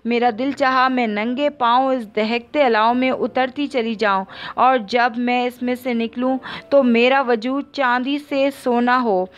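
A woman narrating a novel aloud in the first person, steady and even. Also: on the high side, smooth, dull audio. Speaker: audiobook narrator.

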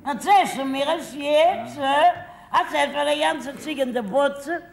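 A woman's voice: high voice, a little slow, gravelly. A woman playing a grumbling tenant in a stage sketch, querulous and complaining, in an echoey hall with background noise. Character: grumbling older tenant complaining about the landlord. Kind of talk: live stage comedy sketch.

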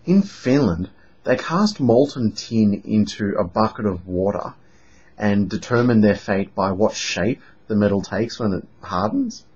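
A man's voice: fairly low pitch, a little slow, husky. A young man with an Australian accent, talking through a sarcastic, mocking vlog monologue. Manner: lively, mocking, emphatic. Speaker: vlogger. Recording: dull lo-fi home recording.

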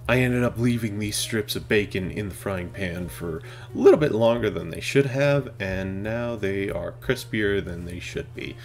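A young man narrating a home cooking video as a voice-over, with deadpan asides and sudden bursts of exasperation. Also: on the low side, normal speed, vocal fry, few pauses. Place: home kitchen.

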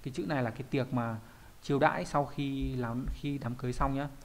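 A man's voice: medium pitch, fairly even intonation, fairly quick, a little hiss or hum. A man, a Japanese teacher explaining kanji in an online lesson, often asking questions and answering them himself.

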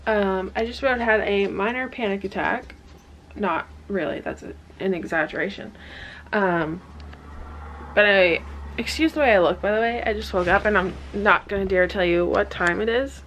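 Young woman vlogger, gravelly, chatty and unscripted, quiet hiss behind. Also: mid-range voice, moderate pace. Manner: rambling, filler-heavy, candid. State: out of breath. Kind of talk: casual vlog chat. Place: hunting blind outdoors; home indoors.

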